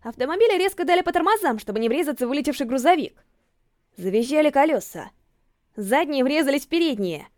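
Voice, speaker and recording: Woman reading a story aloud, lively telling, high voice, dry close sound. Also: quick pace, no echo. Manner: lively first-person storytelling. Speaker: narrator.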